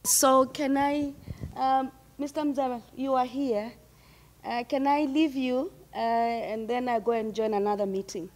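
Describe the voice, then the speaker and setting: A woman's voice: high voice, a little slow. A woman speaking as an official guest, giving formal, supportive remarks.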